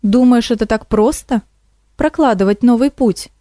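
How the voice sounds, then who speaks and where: A woman's voice: a little high, moderate pace, dark tone, dry recording, studio quality, natural voice. A woman voicing a wary, muttering female stream who murmurs and hesitates, in a storybook reading.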